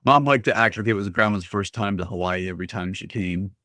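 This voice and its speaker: Low-voiced man reading a story. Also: a little fast, bright, forceful tone, no echo, clean studio sound. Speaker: audiobook reader. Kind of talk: scripted first-person narration.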